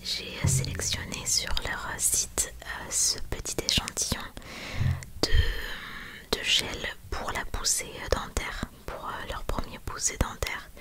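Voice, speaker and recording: Woman whispering softly, hushed ASMR delivery. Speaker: ASMR video creator. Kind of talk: soft whispered ASMR product haul.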